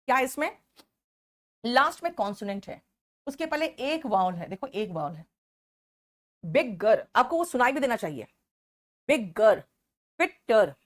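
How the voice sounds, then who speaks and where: A woman's voice: fairly high pitch, big pitch swings, moderate pace. A woman teacher with a Hindi accent gives an online English lesson, explaining each rule step by step and calling on students by name.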